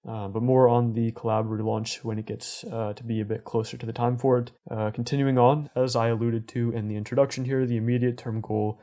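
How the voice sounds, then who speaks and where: A man hosting a community update in a conversational way, with measured, corporate phrasing. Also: medium pitch, level tone, warm tone. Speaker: host of community update show.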